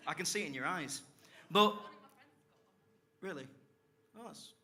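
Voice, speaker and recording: A young South Yorkshire man doing stand-up, his voice sitting a little high and sounding bright and forceful. He swears freely and teases the crowd with cheeky banter between his jokes. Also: measured pace. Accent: South Yorkshire English. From Barnsley, South Yorkshire, England. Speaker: stand-up comedian. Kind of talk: live stand-up set. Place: comedy club stage.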